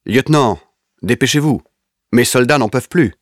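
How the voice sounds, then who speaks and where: A man's voice: mid-range voice, expressive, moderate pace, no echo, studio quality, voice pushed up, lightly acted. A man doing a jeering, brutal army lieutenant. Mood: impatient. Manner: mocking, pushy.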